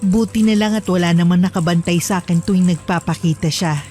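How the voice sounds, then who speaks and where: A woman narrating a true horror story in a calm, earnest storytelling manner. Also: lowish voice, a little fast, soft background music.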